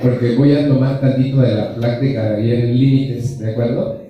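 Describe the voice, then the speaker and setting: A man's voice: medium pitch, fairly even intonation, moderate pace, crowd noise. A man giving a joking, blunt motivational talk to a group, full of rhetorical questions and slang. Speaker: speaker at a support group anniversary. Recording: echoey hall, distant mic.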